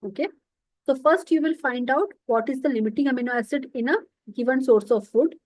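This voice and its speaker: Lady teaching online, high voice, dry close sound, keeps saying okay. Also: brisk, darkish tone, no room sound, poor audio. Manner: explanatory, repeats terms and says okay often. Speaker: nutrition lecturer. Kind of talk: online lecture.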